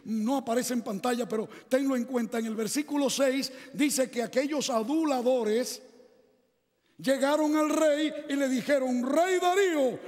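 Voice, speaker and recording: High-voiced preacher in an echoing hall. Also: male voice, normal speed, a little mellow. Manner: dramatic storytelling with rhetorical questions to the listener. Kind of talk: sermon. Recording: echoey hall reverb.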